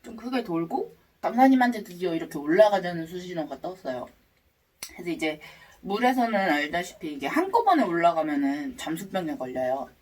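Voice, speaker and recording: Animated, husky-voiced woman storyteller. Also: lowish voice, brisk, far from the mic. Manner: expressive, acts out her reactions and sound effects. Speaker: mukbang vlogger telling a personal story. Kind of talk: casual animated storytelling to viewers.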